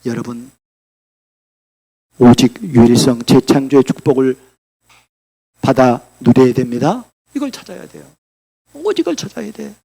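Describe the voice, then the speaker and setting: A male pastor preaching a sermon in a church, asking the congregation rhetorical questions and swinging between loud declarations and quiet asides. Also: mid-range voice, expressive, a little slow, creaky, pauses often, breathy edge.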